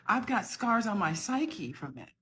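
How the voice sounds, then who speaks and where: A woman's voice: mid-range voice, sing-song, unhurried, fairly bright tone, a little hiss or hum. A middle-aged woman from the southern United States, talking to camera in an impassioned, emphatic rebuttal to another video. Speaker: social media creator.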